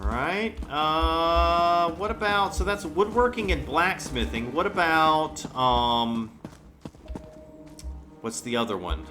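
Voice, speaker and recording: A man's voice: a little high, expressive, slow pace, sharp tone, faint music behind. A man giving casual video game walkthrough commentary, thinking aloud as he goes.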